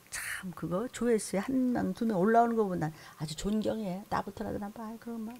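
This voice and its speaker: A woman pastor preaching a sermon, swinging between loud scolding and hushed whispers. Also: medium pitch, gravelly.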